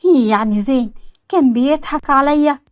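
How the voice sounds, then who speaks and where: A scheming, jealous young woman with an Egyptian accent, as the storyteller plays her. She speaks mockingly and coldly. The voice is fairly high and dry. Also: fairly quick, no echo, lightly acted. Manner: mocking, cold.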